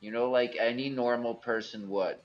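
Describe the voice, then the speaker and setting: A man with a gravelly smoker's voice giving a candid, theatrical, rambling personal monologue as a host, in a wordy way. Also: mid-range voice, steady tone, moderate pace, dull audio, faint music behind.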